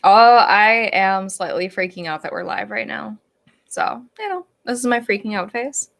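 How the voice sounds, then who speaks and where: A woman co-hosting a casual podcast chat, quick and giggly. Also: mid-range voice, lively intonation, creaky, fairly bright tone. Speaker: co-host.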